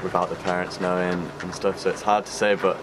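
A man's voice: low-pitched, flat delivery, brisk, background noise. A young man giving a rambling answer full of fillers in a street interview. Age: young adult. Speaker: passer-by interviewee. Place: outdoors by a building.

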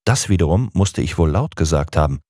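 A man giving a measured, scripted first-person audiobook narration. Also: deep voice, animated, dark tone, dry recording, studio quality.

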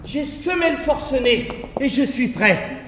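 An actor playing a frantic, lovestruck playwright in a stage farce, declaiming in a hammy way. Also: male voice, very high-pitched, animated, unhurried, very noisy. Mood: grandly lovesick. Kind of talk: stage comedy, vaudeville farce. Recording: echoey theatre stage, music over it.

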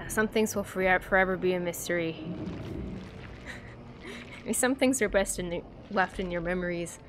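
Against a noisy background, a young East Coast American woman with a fairly low-pitched voice chats casually with her livestream viewers while gaming. She keeps a measured pace but stays giggly and talkative, with plenty of fillers.

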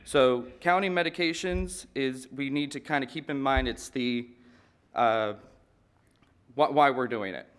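A man in his thirties giving an earnest, conversational breakout talk from a podium microphone in a large conference hall, often repeating words as he restarts sentences. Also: mid-range voice.

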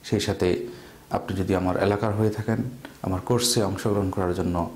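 A man with a Bangladeshi accent teaching an English grammar lesson, explaining slowly and repeating example sentences. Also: low voice, fairly even intonation, darkish tone, reverberant.

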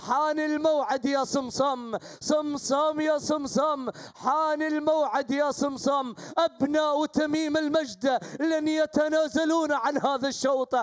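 A man's voice: very high voice, steady tone, moderate pace. A man with a Gulf Arabic accent giving live commentary on a falcon race, chanting names and exclamations over and over.

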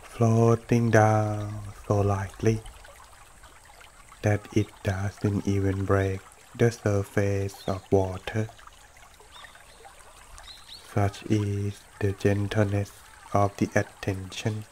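A meditation teacher with a lowish voice leads a meditation extremely slowly, his gentle delivery almost completely flat, in short phrases broken by long pauses. A stream trickles softly behind him the whole time, along with slight background noise.

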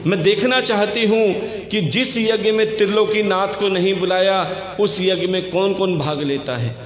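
A devout goddess wife pleads in a high, softened voice, slow and earnest. A man acts her out within a sermon. The words ring through a roomy hall with a long reverb tail. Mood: pleading. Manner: earnest, beseeching. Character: pleading devoted goddess wife, young woman.

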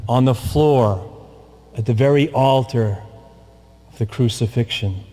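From the pulpit of a big church, a man preaches a sermon in a slow, solemn, measured way, pausing at length and repeating himself. His voice is medium-pitched and mellow. Long reverb fills the recording, picked up by a far-off camera and the pulpit microphone.

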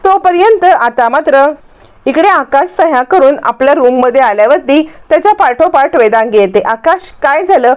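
A woman narrating a recap of a TV serial in a brisk, dramatic storytelling manner. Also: high voice, expressive, a little mellow. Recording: dull lo-fi recording.

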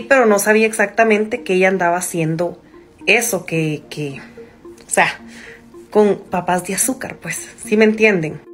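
A woman's voice: medium pitch, fairly bright tone. A woman telling a first-person story in a conversational way, with fillers and small restarts. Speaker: narrator of a viewer's story.

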